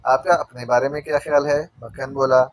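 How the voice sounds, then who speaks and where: A man's voice: medium pitch, steady tone, a little fast, no room sound. A man narrating a spy novel audiobook, reading the characters' banter with light voice changes.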